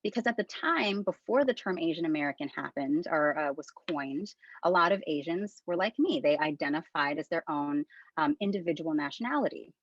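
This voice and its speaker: Woman, 30s, from the Philippines, webinar speaker; candid and conversational, slightly low voice, muffled lo-fi call sound. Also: expressive, normal speed, dry recording. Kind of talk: informal webinar presentation. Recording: dull lo-fi dry call audio.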